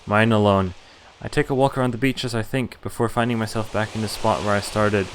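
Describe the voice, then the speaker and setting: Brisk and steady in tone, this lowish male voice reads a visual novel's story text in first person during a stream, adding offhand comments along the way. There's a little hiss or hum, with game music in the background.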